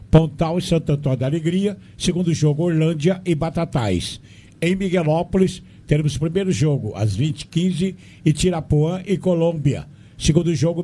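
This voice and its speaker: A man reading local community announcements on the radio, listing dates and places in a measured way. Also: on the high side, warm tone.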